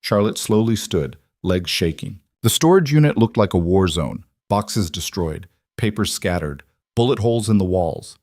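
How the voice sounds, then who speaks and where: A male narrator with a fairly low voice reads a story in scripted narration. His delivery is even and measured. The recording is close and dry, with no room sound. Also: no room sound.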